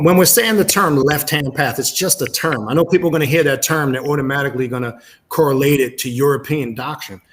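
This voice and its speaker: Man, guest speaker, mid-range voice, measured, explanatory, lots of fillers. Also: medium pitch, a little hiss or hum. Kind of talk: casual interview.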